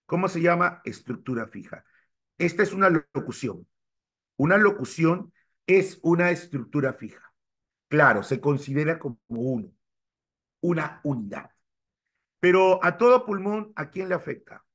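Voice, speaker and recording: A man's voice: expressive, fairly bright tone. Emphatic male grammar teacher. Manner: keeps quizzing students with quick rhetorical questions; emphatic, jumps up in pitch to stress key terms. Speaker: language teacher. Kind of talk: exam-prep grammar lecture.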